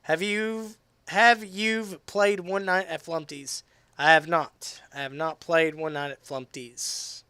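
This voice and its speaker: Man, game streamer, casual rambling chat, tiring hoarse voice, smooth clear tone, dry close mic. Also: high voice, sharp tone, no room sound. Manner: rambling, restarts phrases, many fillers. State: voice going hoarse. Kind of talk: casual live-stream chat while gaming.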